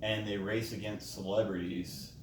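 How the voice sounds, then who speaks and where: A man with a low voice muses casually among friends, relaxed and easygoing. He sounds distant, in a reverberant room with faint background noise. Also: normal speed. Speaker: friend at a hot sauce tasting. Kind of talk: casual chat.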